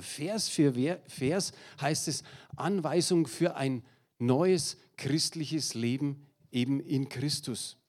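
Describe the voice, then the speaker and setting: A middle-aged man delivers a sermon in a church hall, his voice sitting a little higher than most men's. He talks straight to the congregation, lively and personal, dropping in small jokes at his own expense. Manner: lively, addresses the congregation directly, with a slide presentation; personal anecdotes with self-deprecating humor. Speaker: preacher.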